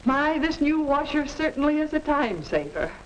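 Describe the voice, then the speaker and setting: A woman's voice: high-pitched, very animated, moderate pace, dull audio. A woman playing a busy, contented housewife and mother in a chirpy, proper 1950s educational film style. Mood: busy, pleased. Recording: noisy 1950s film soundtrack.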